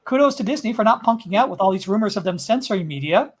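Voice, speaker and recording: A man on a casual online panel, briskly listing trivia and agreeing with the host. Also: high voice, expressive.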